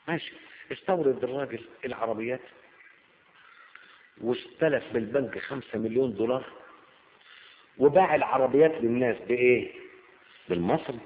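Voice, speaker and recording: Brief: conversational Egyptian man, question-and-answer storytelling, gritty tone, light hiss behind. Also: medium pitch. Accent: Egyptian Arabic. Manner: storytelling, asks and answers his own questions. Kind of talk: casual explanatory talk. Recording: tinny phone-like lo-fi with faint hiss.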